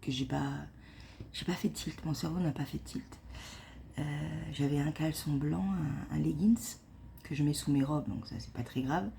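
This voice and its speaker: Softly whispering woman, low and mellow. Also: moderate pace, vocal fry, a little hiss or hum. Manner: hesitant, many fillers and restarts. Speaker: vlogger. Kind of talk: hushed early-morning vlog chat. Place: at home before dawn.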